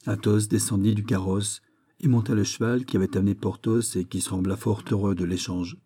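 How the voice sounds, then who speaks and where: A man reading a classic novel aloud as a narrator, in a steady literary manner. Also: fairly low pitch, brisk, slightly rough. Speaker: audiobook narrator. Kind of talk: scripted narration.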